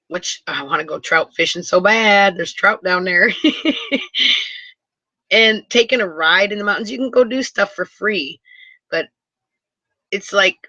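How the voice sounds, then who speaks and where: A woman from Wisconsin talks to her viewers from inside her motor home in a bright, forward voice. She rambles, restarts her sentences and gets excited easily. The sound is dry and dull, like a lo-fi computer mic on a live stream. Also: lowish voice, no room sound. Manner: chatty and rambling, with many restarts. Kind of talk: casual live chat with viewers. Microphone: computer mic for a video hangout.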